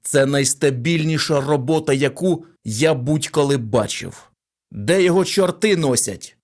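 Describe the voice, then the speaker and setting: A man voicing a loud, excitable male surgeon who exclaims boisterously. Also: a little high, unhurried, voice pushed up, natural voice. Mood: impatient.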